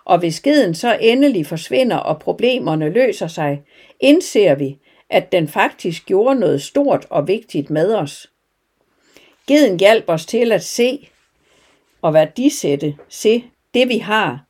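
Woman giving a devotional talk. Calm, measured storytelling sermon. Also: medium pitch, husky. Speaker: devotional speaker.

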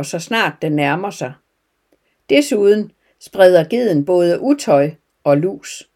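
A woman's voice: mid-range voice, darkish tone, lightly acted. A woman voicing a weary, poor male farmer who pleads in a heartfelt way.

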